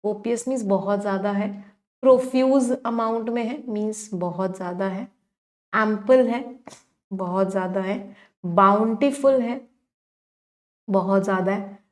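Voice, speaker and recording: A woman's voice: medium pitch, measured pace, pauses often. A young woman teaching exam-prep vocabulary, mixing in terms, asking questions and answering them herself.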